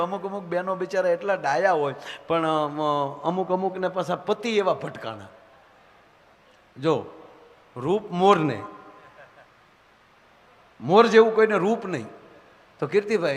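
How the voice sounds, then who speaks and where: A high-voiced man tells rustic comic stories as a folk comedian. He acts out the voices in his tales with animated delivery. His voice rings with a long hall reverb. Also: moderate pace, long pauses. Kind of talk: live comic storytelling.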